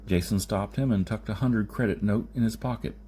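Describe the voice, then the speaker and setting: Reading scripted science fiction narration a little fast, this audiobook reader has a mellow, slightly rough voice on the low side. He stumbles over a phrase here and there, and the recording carries noticeable background noise.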